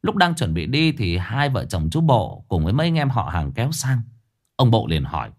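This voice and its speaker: A man's voice: lowish voice, normal speed. A man narrating a ghost story and acting out every character. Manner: lively, acts out every character.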